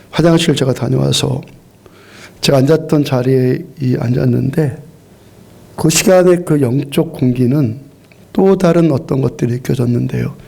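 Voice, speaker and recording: A middle-aged man preaching in a church sanctuary. His voice is mellow and gravelly with a husky edge. He tells his story earnestly, often repeating and restarting his phrases. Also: medium pitch. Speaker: pastor. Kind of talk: sermon.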